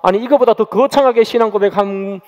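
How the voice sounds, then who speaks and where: A man's voice: high-pitched, fast talker, highs cut off. A man preaching a sermon as pastor, dramatic and questioning the congregation, acting out quoted voices. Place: church sanctuary. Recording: long church reverb.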